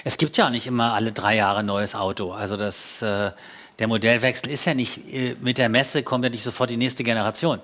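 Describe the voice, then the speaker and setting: A man's voice: medium pitch, fairly even intonation, fairly quick, a bit bright. A man hosting a studio talk show, asking probing questions in an informal way. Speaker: host.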